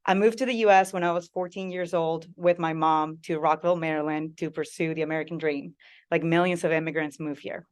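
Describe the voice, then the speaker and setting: A woman's voice: low-pitched, steady tone, a little fast, smooth. Woman from Peru addressing an audience. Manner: engaging, asks the audience questions. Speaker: guest speaker, food company founder. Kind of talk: public talk to an audience.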